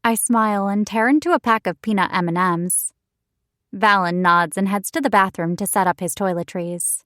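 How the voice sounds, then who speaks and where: A woman's voice: medium pitch, normal speed, a bit bright, dry recording, studio quality. Woman narrating a wry first-person romance audiobook.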